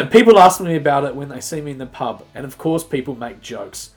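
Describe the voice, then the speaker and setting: A man's voice: medium pitch, animated, a little fast, soft background music. A man, joking and interjecting casually as a podcast co-host. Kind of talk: casual comedic chat.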